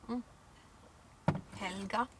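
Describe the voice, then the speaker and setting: A young American woman takes her time as she reads out viewer questions. Her voice is bright and mid-pitched, and she laughs easily during the chat. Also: steady tone, very slow, slight background noise. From Idaho, United States. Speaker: co-host asking questions. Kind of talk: casual Q&A chat.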